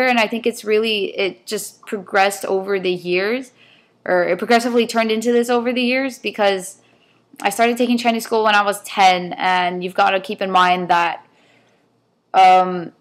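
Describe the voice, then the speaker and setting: A woman's voice: medium pitch, fairly bright tone. Young woman rambling to camera. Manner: rambling, self-correcting, chatty. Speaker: vlogger. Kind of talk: casual rant to camera.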